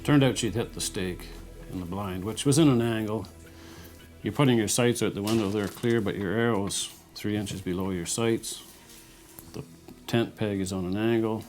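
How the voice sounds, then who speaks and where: A man's voice: lowish voice, normal speed, darkish tone, faint music behind. A man, a turkey guide, recalling a hunt in a plain, matter-of-fact way. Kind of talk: casual interview recollection.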